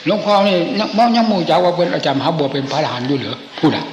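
Older Isan monk reminiscing in an echoey hall. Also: male voice, on the high side, rapid-fire. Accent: Isan, northeastern Thai. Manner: animated old-man storyteller, acting out dialogue, chuckling often. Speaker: senior Buddhist monk reminiscing. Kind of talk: informal storytelling, reminiscing. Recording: echoey hall with clear background noise.

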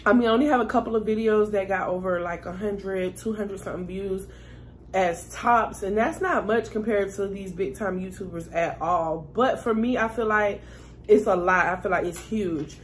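Her voice sits in the mid range and moves at a moderate pace as she eats and chats easily with viewers for a casual mukbang. A faint hiss or hum runs under the recording.

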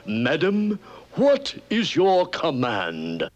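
A man's voice: on the high side, huge pitch swings, drawn-out words, dull audio, exaggerated voice. A man voicing an obedient genie of the lamp in a vintage cartoon, formal, servile and theatrical.

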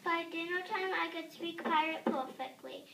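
Brief: schoolgirl reading a storybook aloud, careful and steady, very high voice, echoey classroom, mic far off. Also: moderate pace, gravelly, noisy background. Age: child. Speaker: student reader. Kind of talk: reading a picture book aloud.

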